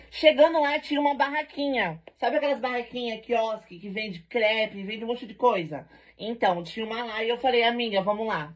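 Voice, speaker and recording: High-voiced woman telling a wild story. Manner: animated, slangy, jokey. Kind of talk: casual storytelling to camera.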